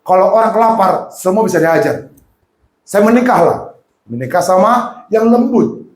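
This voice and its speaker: A man's voice: sits high, moderate pace. A man from North Sumatra preaching a sermon as pastor, telling stories and speaking straight to the congregation, slipping in English words. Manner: animated storytelling preaching, addresses congregation directly. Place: church hall. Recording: echoey church hall.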